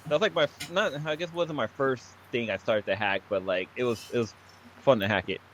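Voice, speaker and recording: A man's voice: medium pitch, a little fast, noisy background. A man chatting casually as a podcast co-host, rambling and swearing, with "like" sprinkled through his talk. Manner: rambling, sweary, says like often. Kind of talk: casual chat. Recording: slightly dull lo-fi mic.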